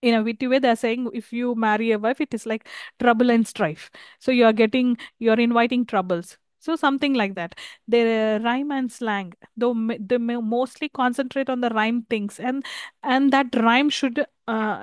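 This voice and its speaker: A woman with an Indian accent gives a recorded university lecture in a slightly high, smooth and resonant voice. She explains haltingly, correcting herself and checking in with "okay". The sound is dry and close. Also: fairly even intonation, no echo. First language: Telugu. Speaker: English lecturer.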